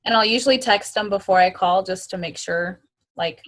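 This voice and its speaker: A woman's voice: medium pitch, normal speed, fairly bright tone, rough recording. A woman on a team video call, talking earnestly and a little hesitantly as she explains her method.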